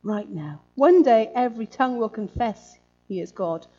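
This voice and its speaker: A woman's voice: on the high side, animated, normal speed, warm tone, muffled recording, a little hiss or hum. A woman preaching a sermon in a conversational way, often adding tag questions.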